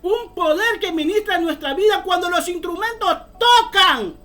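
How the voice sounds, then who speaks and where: A woman's voice: very high-pitched, lively intonation, moderate pace, fairly bright tone. A woman preaching a fervent sermon, often calling her listeners brother.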